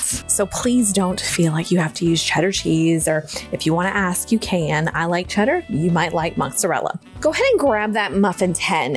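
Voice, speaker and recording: A woman dietitian hosting a home cooking demo, talking in a chatty, folksy way with playful asides. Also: on the low side. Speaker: dietitian and cooking channel host. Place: home kitchen.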